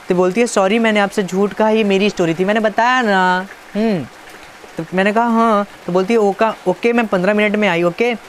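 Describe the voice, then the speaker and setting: A man's voice: high voice, a little hiss or hum. Joking man reading out a chat. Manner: playful, teasing, reads chat lines aloud. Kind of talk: casual joking commentary.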